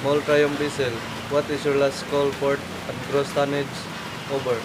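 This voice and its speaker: A man's voice: mid-range voice, monotone, moderate pace, close to an everyday voice. A man playing a port control radio operator, speaking in formal, clipped phrases in a scripted maritime exercise. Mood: formal, businesslike. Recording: loud hissing, rain-like noise throughout.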